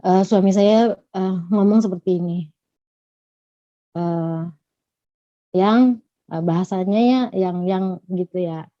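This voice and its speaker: Halting, earnest woman with a mellow voice. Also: medium pitch, dry recording. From Gorontalo, Indonesia. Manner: halting, repetitive, earnest retelling. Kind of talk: personal testimony. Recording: dull lo-fi recording.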